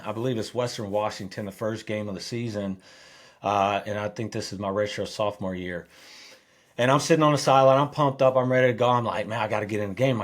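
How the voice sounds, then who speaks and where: A middle-aged man, a former football player, telling a story as a podcast guest, growing lively and loud as he acts out the scenes. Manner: animated storyteller, gets louder and higher when excited. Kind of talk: storytelling in an interview.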